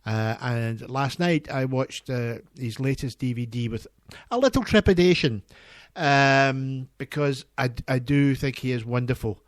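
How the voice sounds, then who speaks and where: A man hosting community radio talks earnestly and with real enthusiasm, his delivery halting and chatty. His mid-range voice comes through a close studio mic with a dry, dead sound and no room around it. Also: mid-range voice, dry recording. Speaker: radio presenter.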